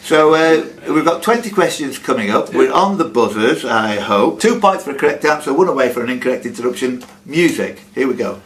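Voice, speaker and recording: Reading quiz questions aloud at a brisk pace with few pauses, this male host uses a mid-range voice and lively intonation, filling the gaps with jokey, ad-libbed chatter. It's a live pub-style quiz captured in a live room where background noise is clearly audible.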